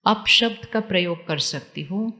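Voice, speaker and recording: A woman giving a spiritual talk to a live audience, calmly repeating questions to her listeners. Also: medium pitch, a little slow, long reverb tail. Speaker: spiritual teacher.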